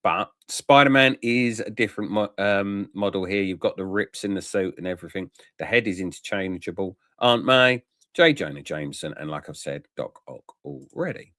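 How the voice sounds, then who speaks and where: A man giving a casual, frank product review. He talks in a chatty way, often tags on questions and fills pauses with "um". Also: lowish voice, a bit bright, no room sound, clean studio sound. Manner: frank and chatty, with tag questions and many "um" fillers. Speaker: toy collector reviewer.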